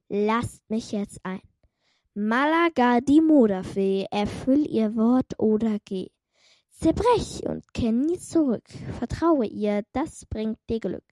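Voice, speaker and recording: Small teasing demon girl, voiced by a woman; slow and dry, close to the mic. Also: a little high, a little mellow, dry recording. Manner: teasing, sarcastic. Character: small, cheeky young female demon.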